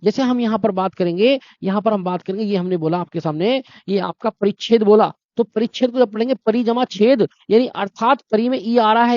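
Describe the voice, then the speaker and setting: A man's voice: high-pitched, a little mellow, no echo, lo-fi sound. A male teacher explaining a grammar lesson, repeating key points and quizzing his listeners.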